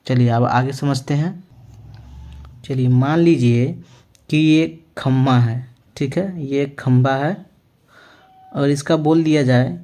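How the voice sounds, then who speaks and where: A male maths teacher explaining a lesson to students, asking them questions and answering them himself, often checking in with "okay" as he writes out words slowly. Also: mid-range voice, mellow. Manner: ends phrases with a reassuring check-in. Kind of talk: classroom-style lesson.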